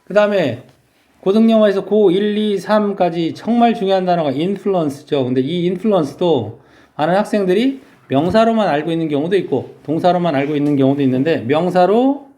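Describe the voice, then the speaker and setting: Korean male English teacher, mellow voice. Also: sits high, brisk. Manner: explains step by step, asks students questions. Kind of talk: vocabulary lecture.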